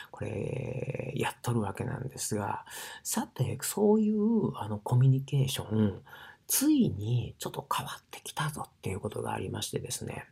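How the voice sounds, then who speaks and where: A man with an Osaka dialect talks in a loose, rambling monologue, his voice very husky and gravelly. His tone is mellow yet lively, rising and falling a lot. He pads his talk with fillers and often slips down to a breathy near-whisper. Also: medium pitch. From Osaka, Japan. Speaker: sauna ambassador. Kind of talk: casual monologue.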